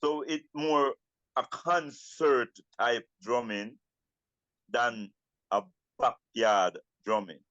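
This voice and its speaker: An older man with a Jamaican accent speaks as a Rastafari elder in an interview, using Rasta speech and patois, deliberate and often repeating his words. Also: medium pitch, a bit bright, no room sound, highs cut off. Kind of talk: reflective interview talk.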